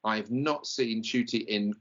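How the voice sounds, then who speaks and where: A man's voice: fairly low pitch, moderate pace, fairly bright tone, dull audio. A man co-hosting a casual review chat, rambling and hesitant with lots of fillers. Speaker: podcast co-host.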